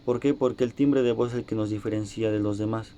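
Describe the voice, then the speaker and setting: A man's voice: fairly low pitch, steady tone, fairly quick, dark tone, slight background noise. A young man giving a class presentation, explaining points and acting out short examples. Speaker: student presenter.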